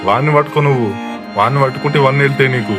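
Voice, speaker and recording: Man playing a brisk, reassuring village helper. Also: medium pitch, over music, close to an everyday voice. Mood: urging. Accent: Telangana Telugu. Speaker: helpful villager. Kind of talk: village comedy-drama acting.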